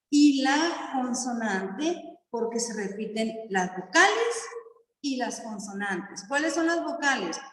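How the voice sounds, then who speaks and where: In an echoey classroom with long trailing reverb and a little hiss or hum, a primary school teacher gives a poetry lesson. Her rather high voice is slow and patient, and she often pauses her explanations to check understanding with brief questions to the children.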